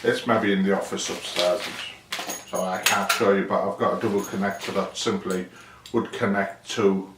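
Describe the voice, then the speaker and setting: Here a DIY vlogger speaks at normal speed in a low voice with fairly even intonation, giving an unscripted, casual hands-on explanation of his project. He thinks aloud, rambles and quizzes himself. A distant mic makes it roomy and noisy, with clicks.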